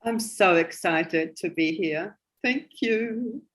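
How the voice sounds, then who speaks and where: A woman in her sixties from West Germany, with a German accent, speaks slowly in a mid-range, fairly bright voice. As a guest she chats casually about her life story, amused at herself and laughing often between thoughts.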